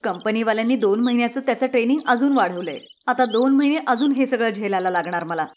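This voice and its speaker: A woman's voice: fairly high pitch, expressive, fast, slight background noise, close to an everyday voice. A woman voicing a spoiled, rude young city daughter-in-law who scolds and complains sharply. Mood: angry.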